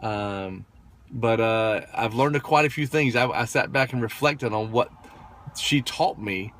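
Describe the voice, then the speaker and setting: A man's voice: mid-range voice, unhurried, a bit bright, slight background noise. A man in his thirties talking casually to camera, telling a story with many fillers and "right?" tag questions. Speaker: motivational vlogger.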